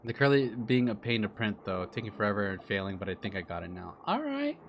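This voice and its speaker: A man live-streaming his reaction to a game, chatting casually with viewers in an animated, talkative way. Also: lowish voice, fast talker, slight background noise.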